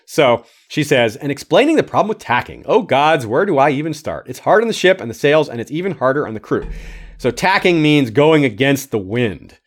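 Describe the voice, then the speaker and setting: A man's voice: mid-range voice, big pitch swings, a little fast. A man hosting a livestream, reading a listener's comments aloud and adding his own casual remarks. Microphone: streaming microphone.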